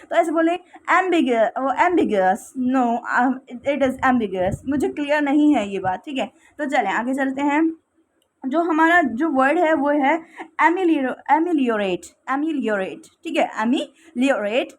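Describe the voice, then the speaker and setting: A woman's voice: high voice, slight background noise. A woman teaching English vocabulary in a casual classroom style, repeating "okay" often and explaining with everyday examples.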